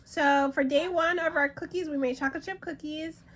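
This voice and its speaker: A woman's voice: high-pitched, steady tone, normal speed, fairly bright tone. A woman vlogging in her home kitchen, chatting casually and guiding a child through baking. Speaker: vlogger and mother. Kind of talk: casual vlog chat.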